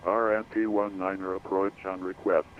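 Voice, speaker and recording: An automated male voice reading an airport weather and runway information broadcast over radio, in a flat, repetitive readout. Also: sits low, normal speed. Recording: dull lo-fi radio feed with faint hiss.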